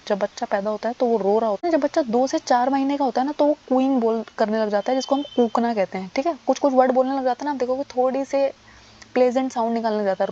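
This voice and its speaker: A woman's voice: fairly high pitch, dark tone. A woman teacher gives an exam-prep lecture, asking herself questions and answering them. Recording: dull lo-fi audio.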